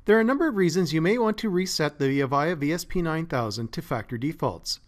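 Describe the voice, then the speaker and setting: A man narrating a scripted step-by-step tech tutorial as a support engineer, in a steady, methodical way. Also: a little high, quick pace. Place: voice-over, not recorded in the pictured place.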